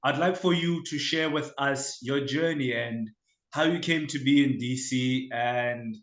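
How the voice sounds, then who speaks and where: A man from Lesotho hosting a casual interview show, relaxed and informal, with filler pauses. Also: medium pitch. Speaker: podcast host. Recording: echoey room.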